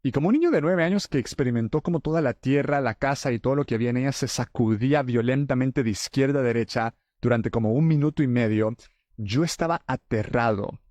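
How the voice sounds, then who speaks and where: Guy hosting a faith podcast, dark mellow voice, dry close sound, earnest and chatty. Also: mid-range voice, quick pace, no room sound. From El Salvador. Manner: earnest, conversational preaching. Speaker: podcast host.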